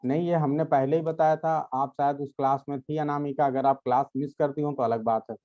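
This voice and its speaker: A man's voice: on the high side, fairly even intonation, brisk, lo-fi sound. A man teaching English grammar to his students, explaining patiently, checking understanding often and addressing them directly. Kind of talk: explanatory lecture to a class.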